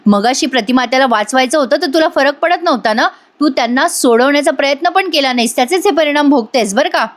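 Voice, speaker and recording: A woman's voice: sits high, fast, natural voice. A woman voicing a young woman from a TV serial who scornfully gloats at a rival.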